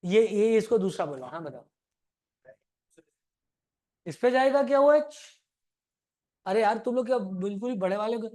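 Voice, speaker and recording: A man's voice: high-pitched, expressive, normal speed, long pauses, dark tone. A man teaching a live chemistry class, chatty and playfully scolding his students as he works through problems. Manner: calls students "beta".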